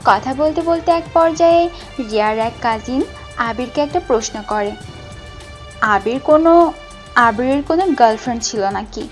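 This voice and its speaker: Woman narrator reading a romance story, high voice, bit of music underneath. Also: lively intonation, moderate pace, pauses often.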